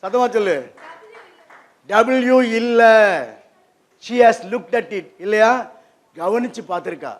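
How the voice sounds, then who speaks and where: Guy with a pretty high voice teaching a room of kids, lively, fires questions at them. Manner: lively, keeps quizzing the audience with quick questions. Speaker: guest presenter at a children's program. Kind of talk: interactive lesson for children. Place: children's hall of a public library.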